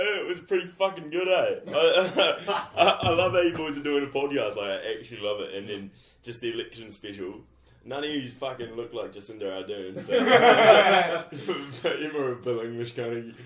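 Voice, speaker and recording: A man's voice: medium pitch, normal speed, a bit bright. A young man with a New Zealand accent, a hungover podcast guest who swears freely and laughs often. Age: young adult. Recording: roomy echo.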